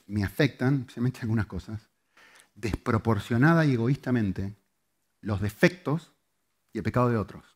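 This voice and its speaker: A man preaching a sermon, moving between loud, emphatic lines and soft, hushed ones. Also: mid-range voice. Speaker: pastor.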